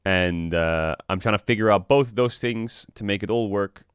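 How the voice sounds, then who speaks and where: A man streaming in casual chat, frank and rambling, swearing often, with a flat delivery because he just woke up. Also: moderate pace, clear, resonant tone, no echo, clean studio sound. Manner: flat, low-energy delivery. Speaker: streamer and esports team owner.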